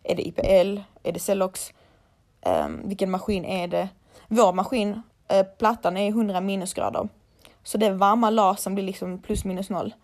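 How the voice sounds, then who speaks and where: Blunt young woman with vocal fry. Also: medium pitch, expressive, darkish tone. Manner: blunt, outspoken, swears freely. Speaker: laser hair removal technician. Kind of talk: casual chat to followers.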